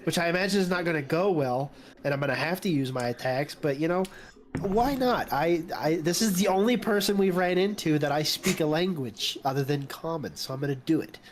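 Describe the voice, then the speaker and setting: A man with a fairly high-pitched voice plays a tabletop game. He talks casually and conversationally with the group. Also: brisk, slight background noise. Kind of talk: casual chat during a game.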